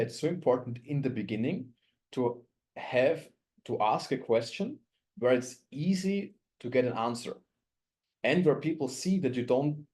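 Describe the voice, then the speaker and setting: A man's voice: medium pitch, mellow. A man from Austria leading a network marketing coaching call, chatty and full of restarts, acting out quoted dialogue. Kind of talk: coaching talk in a group call.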